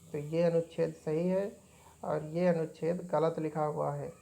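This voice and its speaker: A woman with a low, dark voice teaches an exam-prep grammar lesson. She keeps her delivery flat and steady, repeating each word and marking it right or wrong. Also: unhurried, vocal fry, poor audio.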